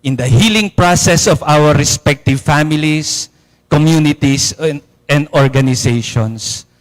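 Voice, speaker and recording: Filipino man, priest, sermon, unhurried, echoing hall. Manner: animated, acts out quoted complaints in a higher voice. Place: church or hall, in front of an audience. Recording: long reverb of a hall.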